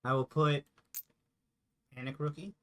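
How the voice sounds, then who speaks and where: A man's voice: on the high side, fairly even intonation, unhurried, a bit bright. A man playing a tabletop wargame, thinking aloud and correcting himself as he decides moves. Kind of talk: casual game-table chat.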